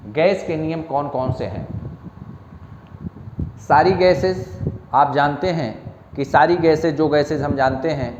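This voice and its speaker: Slow, echoey chemistry teacher dictating. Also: male voice, fairly high pitch, a little mellow. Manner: slow, repetitive dictation, spelling words out letter by letter, mixing Hindi and English. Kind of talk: classroom lecture, dictating notes. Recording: echoey hall, muffled audio, audible background noise.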